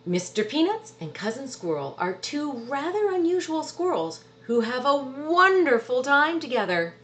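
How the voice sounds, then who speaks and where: Lady reading a kids book out loud, really up and down, takes her time, some background noise. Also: sits high. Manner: animated, drawn-out words for emphasis. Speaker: storybook reader. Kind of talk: expressive children's picture book read-aloud.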